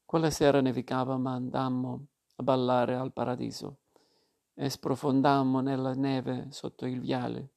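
A man narrating a literary novel in the first person, in a calm and measured way. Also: medium pitch, vocal fry. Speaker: audiobook narrator. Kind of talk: literary audiobook reading.

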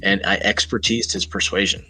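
A man's voice: sits low, fairly even intonation, normal speed, sharp tone, faint music behind. A man hosting a podcast, chatting casually and rambling through jokes and banter. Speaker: podcast host.

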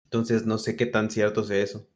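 A man's voice: lowish voice, completely flat delivery, normal speed. A man with a Mexican accent and a congested, stuffy nose from a cold, co-hosting a casual podcast chat. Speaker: podcast co-host.

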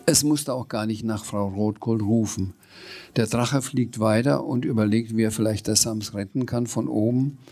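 A man reading a children's story aloud in a relaxed way, with small slips and fillers. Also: on the low side, normal speed.

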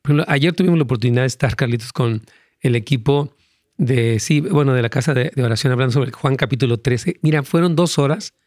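A man's voice: medium pitch, a little fast, darkish tone, no echo, clean studio sound. A man, a pastor, earnestly answering callers' Bible questions, rambling with many fillers.

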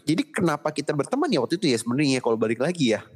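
A man's voice: fairly high pitch, sing-song, rapid-fire, slightly rough. A man from Indonesia with a Jakarta accent, chatting casually in a blunt, teasing, slangy way with English words mixed in. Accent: Indonesian, Jakarta colloquial. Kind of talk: casual chat.

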